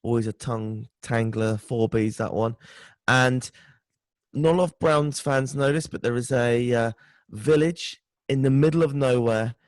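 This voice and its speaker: A tired, hungover British man chatting casually about sport as a podcast guest, halting and stumbling over his words. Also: medium pitch, no room sound. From United Kingdom. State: tired and hungover, short of sleep.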